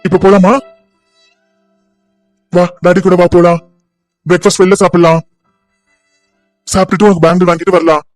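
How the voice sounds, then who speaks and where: A woman voicing a gentle middle-aged father in a cartoon story, coaxing and reassuring in a calm, steady way. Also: lowish voice, moderate pace, long pauses, no room sound, soft background music, pitched below the performer's own voice, natural voice. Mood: soothing. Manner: coaxing, reassuring, mixes English into Tamil.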